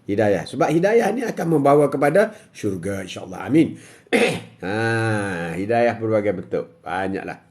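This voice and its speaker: A man's voice: on the low side, very animated, a little slow, darkish tone. An older man with a Malaysian Malay accent, hosting a live-streamed religious talk and answering viewer comments, repetitive and emphatic with frequent "ha" interjections. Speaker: host.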